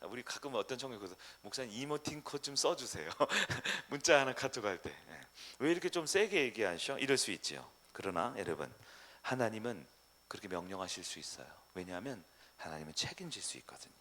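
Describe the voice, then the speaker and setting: Animated preacher man, lively pitch. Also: brisk. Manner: animated, asks the congregation questions, swings from loud to hushed. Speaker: pastor. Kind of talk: sermon. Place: church sanctuary.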